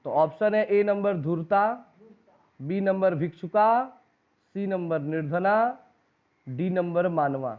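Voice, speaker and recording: A Bihari Hindi-accented man with a high voice leads a classroom through exam questions, reading each one with its options before quizzing the students and repeating their answers. He takes his time, leaving long pauses. The sound is thin and tinny, similar to a phone recording.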